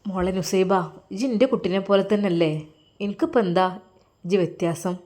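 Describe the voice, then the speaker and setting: Kindly comforting uncle, a woman doing him, soft coaxing delivery. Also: mid-range voice, brisk, natural voice. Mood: soothing. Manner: soothing, coaxing. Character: gentle middle-aged uncle, tender and comforting.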